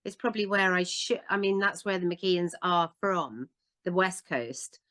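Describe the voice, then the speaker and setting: A woman's voice: lowish voice, unhurried, sharp tone, no room sound. A woman in her fifties with an English accent, chatting as an interview guest, full of fillers and restarts. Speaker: guest actress. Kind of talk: casual interview chat.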